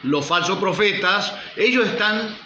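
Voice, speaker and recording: A man's voice: high-pitched, animated, a little slow, pushed and bright, slight background noise. A male pastor preaching a sermon, firing rhetorical questions at the congregation and calling for amen. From Uruguay. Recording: roomy, slightly dull church recording.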